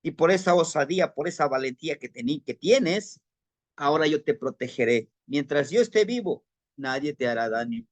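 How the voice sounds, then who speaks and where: A man's voice: a little high, lively intonation, moderate pace, dry recording, close to an everyday voice. A man voicing a proud, protective woodpecker. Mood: solemn.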